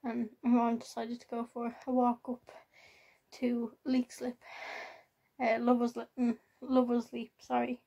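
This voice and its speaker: A young woman with an Irish accent chats casually to her vlog viewers in a rambling, halting way, often repeating herself. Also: fairly high pitch, monotone, gravelly, warm tone, low-quality recording. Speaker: vlogger. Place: at home, in a room.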